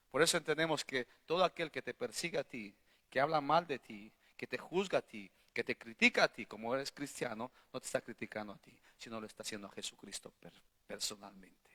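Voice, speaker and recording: Bright-voiced male pastor in a reverberant church. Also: mid-range voice, fast. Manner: emphatic preaching, frequent rhetorical questions to the congregation; swings between loud bursts and quiet asides. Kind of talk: sermon. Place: church hall. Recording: long hall reverb.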